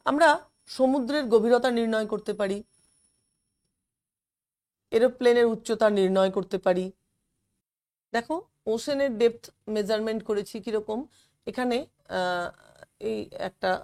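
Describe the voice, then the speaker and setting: Physics lesson from a slightly high-voiced woman teacher. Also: darkish tone. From West Bengal, India. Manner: explanatory, mixes English terms, frequent fillers. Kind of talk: explaining a classroom lesson.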